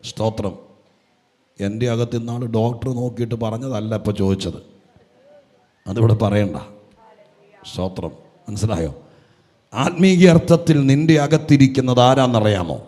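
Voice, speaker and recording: Fields. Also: male voice, mid-range voice, lively intonation, normal speed, pauses often, dark tone. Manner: peppers speech with "praise the Lord" and "hallelujah". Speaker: preacher. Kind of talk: Pentecostal sermon to a congregation.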